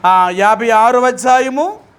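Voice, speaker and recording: A man's voice: extremely high pitch, slow, fairly bright tone, clear, resonant tone. A man with a Telugu accent leading a Bible study as pastor, who keeps putting questions to his listeners and speaks with emphasis.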